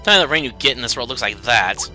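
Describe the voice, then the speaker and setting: A man's voice: mid-range voice, lively intonation, quick pace, bright, forceful tone, soft background music. A man voicing a brash, impatient young man lost in a strange world. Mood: incredulous. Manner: blunt, impatient.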